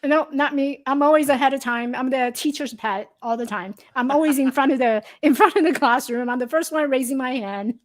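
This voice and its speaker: High-voiced woman from Taiwan, lively guest. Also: fairly quick, few pauses. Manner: animated, laughs often, simple non-native grammar. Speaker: podcast guest, storyteller. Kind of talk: casual interview chat.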